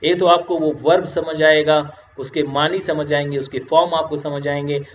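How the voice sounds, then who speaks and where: Guy giving a grammar lecture, kinda high voice, dull muffled audio. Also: fairly even intonation, roomy sound, slight background noise. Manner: explains slowly, asks and answers his own questions. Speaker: English grammar teacher. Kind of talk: recorded lecture. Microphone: voice-over, face not on screen.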